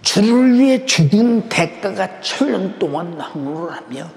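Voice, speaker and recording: An older male pastor delivers a fervent sermon with a high-set voice and a gravelly edge. He swings between loud declarations and hushed near-whispers. The sound rings through a large church sanctuary with a long reverb tail. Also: animated, a little slow. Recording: echoey hall with long reverb.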